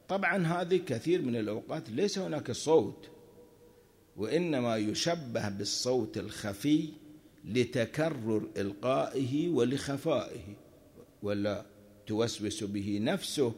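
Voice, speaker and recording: A man giving a religious lesson, explaining scripture in an unhurried, explanatory way. He mixes formal phrasing with everyday speech and his pitch jumps upward to stress key words. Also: darkish tone. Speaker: Quran teacher.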